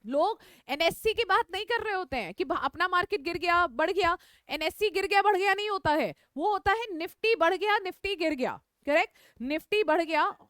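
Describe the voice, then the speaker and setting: A woman teacher leads a live online class, switching between explanation and quick questions to her students. Her voice is very high and bright. The sound is dry and close. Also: animated, no echo. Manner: repeats key points, checks in with students; mixes English phrases into Hindi.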